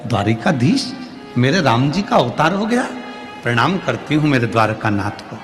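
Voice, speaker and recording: A man's voice: mid-range voice, very animated, moderate pace, pitched below the performer's own voice, natural voice. A man voicing a devout grieving queen. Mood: devout, sorrowful. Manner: speaks her own lines in quoted dialogue. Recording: long hall reverb, faint music.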